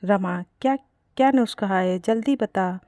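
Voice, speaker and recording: A woman's voice: mid-range voice, unhurried, dark tone, dry recording, clean studio sound, natural voice. A woman voicing a naive, literal-minded young bride. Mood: innocent. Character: naive, well-meaning young daughter-in-law. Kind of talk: storybook character reading.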